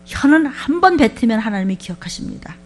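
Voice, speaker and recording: A woman pastor giving a sermon, talking to her congregation in a lively, conversational way and asking them many questions. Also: fairly high pitch, brisk, a little hiss or hum.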